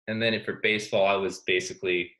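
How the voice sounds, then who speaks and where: A young man from Canada answers questions as an interview guest, his voice sitting very low. He talks in a soft-spoken, easygoing way, often pausing with ums as he thinks. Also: flat delivery, poor audio. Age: young adult. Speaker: student athlete guest.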